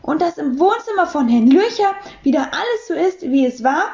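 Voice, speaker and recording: A woman voicing a timid, meek man who speaks breathlessly and high. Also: sing-song, moderate pace, warm tone, roomy sound, lo-fi sound.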